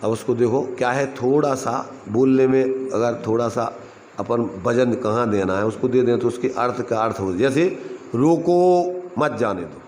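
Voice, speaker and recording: A man teaching a scripture class. He keeps asking his listeners questions and chants a verse line slowly. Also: mid-range voice, steady tone, a little mellow, a little hiss or hum. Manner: asks the audience questions again and again, chants a couplet slowly. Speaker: religious teacher. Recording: roomy hall with faint ambience.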